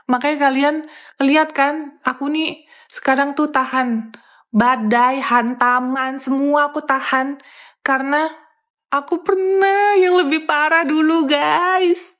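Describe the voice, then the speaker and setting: A woman's voice: sits high, slow pace. A woman telling viewers a story from her old job, acting out the lines people said. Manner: animated, acts out quoted dialogue. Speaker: content creator telling a work story.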